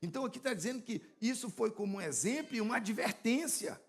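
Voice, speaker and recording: A man's voice: very high-pitched, lively intonation, fast, husky. A man preaching a sermon as a pastor, telling stories and speaking directly to the congregation. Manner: conversational storytelling preaching, addresses congregation directly.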